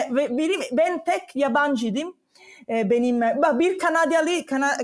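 High-pitched foreign woman, halting broken Turkish. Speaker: interview guest. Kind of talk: casual conversational interview.

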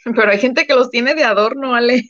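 A woman's voice: on the high side, brisk, fairly bright tone, dry recording, muffled recording. A woman with a Mexican Spanish accent co-hosting a casual live-stream talk, emphatic and repeating phrases for effect. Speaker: co-host.

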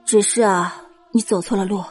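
A woman's voice: mid-range voice, steady tone, moderate pace, darkish tone, slightly rough, faint music behind, lightly acted. A woman voicing a young woman victim, scolding with tears in an audio drama. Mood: calm. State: crying. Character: young woman victim, tearful and sharp-tongued.

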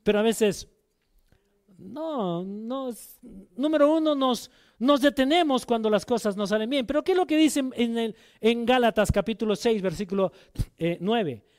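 A man preaching a sermon as pastor, telling a personal story and putting direct questions to the congregation, loud one moment and quiet the next. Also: measured pace, clean tone. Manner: emotional storytelling, swings between loud exhortation and quiet low asides.

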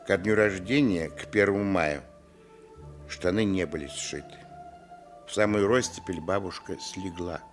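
An actor narrates a radio play as a grown man remembering his boyhood in a village, telling it reflectively in a low, unhurried voice. Faint music plays behind this dramatised literary narration.

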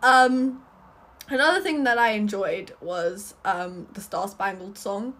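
A young woman giving a casual, rambling film review, full of fillers and restarts, with a slightly husky voice. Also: mid-range voice, takes it slowly, fairly bright tone.

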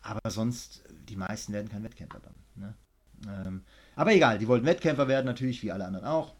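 A man's voice: lowish voice, lively intonation, fast talker, slightly rough. A man who coaches martial arts, telling a story casually in a podcast interview, acting out both sides and swearing freely. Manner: gets loud when worked up.

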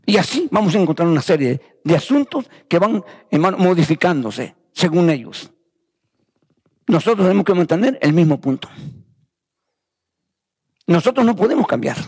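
A man's voice: sits high, sing-song, moderate pace, long pauses, a little mellow, breathy edge, in a large hall. A man preaching a fervent sermon, repeating phrases and calling his listeners brothers. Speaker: pastor.

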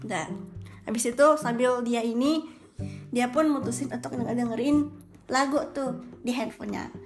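A woman's voice: a little high, moderate pace, darkish tone. A young woman telling a story in a chatty, rambling way, often correcting herself. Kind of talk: casual storytelling. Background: background music.

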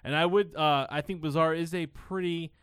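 A man in his twenties hosting a casual film podcast, excitable and full of swearing and filler words. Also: a little high, normal speed, clear, resonant tone, dry recording, studio quality. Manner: excitable, swears a lot, lots of "like". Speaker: podcast host. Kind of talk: casual chat.

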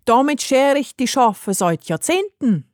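A woman voicing a kindly old grandfather who speaks calmly and soothingly, in a storybook reading. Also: medium pitch, a little slow, no room sound, clean studio sound. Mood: gentle. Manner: calm, soothing, relishing.

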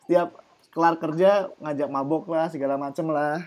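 Young man, slangy and sweary, mellow tone, casual conversation. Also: a little high, steady tone, moderate pace. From Java, Indonesia. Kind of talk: casual chat.

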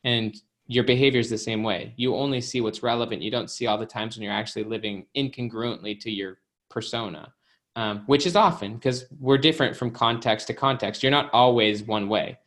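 A man with a medium-pitched, steady voice speaks a little fast as an author guest, explaining ideas in casual conversation and leaning on fillers like "you know" and "right?" to check in.

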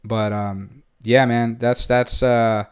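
A Puerto Rican podcast co-host talks extremely slowly in a level, mid-range voice, and the recording's tone is clean. His relaxed, slangy conversation is peppered with English expressions.

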